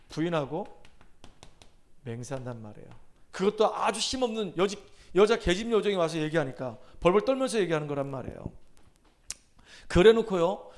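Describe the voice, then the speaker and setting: A man preaching a sermon as pastor, emphatic and storytelling, acting out scripture quotes with shifts in intensity. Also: high voice.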